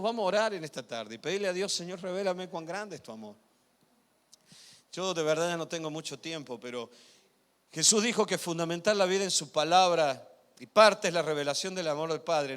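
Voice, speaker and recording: A male pastor preaching a sermon, swinging loud emphatic passages to quiet intimate asides and often asking the congregation whether they follow. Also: fairly high pitch. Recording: reverberant church hall.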